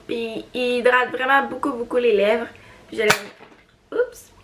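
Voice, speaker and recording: Speaking at a normal speed in a steady tone, this young woman has a fairly high voice, and background noise can be heard. She's a beauty vlogger with a Quebec French accent, casually chatting in a haul video, full of fillers and soft giggles as she hesitates.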